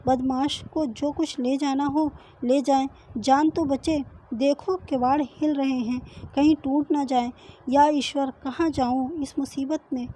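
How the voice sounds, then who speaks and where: A frightened village husband, pleading in an anxious voice, read out by a woman. The voice sits high and soft-toned. This is a storybook reading. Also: steady tone, a little hiss or hum, lightly acted, rough recording. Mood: fearful.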